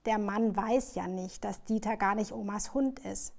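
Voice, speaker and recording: Expressive woman reading a children's book. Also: mid-range voice, measured pace, vocal fry. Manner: lively, expressive storyteller. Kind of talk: scripted storybook reading aloud.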